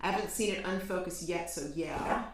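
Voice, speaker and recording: Female co-host, casual and chatty, lower voice. Heavy trash-can reverb on her live stream audio. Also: moderate pace, distant mic. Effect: boomy reverb, like talking into a trash can. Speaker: livestream co-host. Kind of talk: casual chat. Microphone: far-off computer mic on a live stream. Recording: echoey boxed-in sound with faint hiss.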